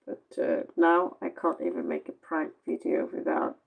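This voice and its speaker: The recording is poor, and the woman's voice sits low, gravelly and breathy, with a flat delivery at a moderate pace. A tired tarot reader from Norway, she speaks with a Norwegian accent as a native Norwegian, rambling bluntly and sarcastically through a casual late-night reading.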